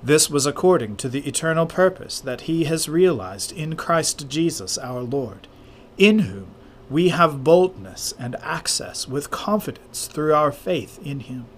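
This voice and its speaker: A man leading worship, reading scripture and prayers in a formal, measured, reverent manner. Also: fairly high pitch, animated, a little hiss or hum.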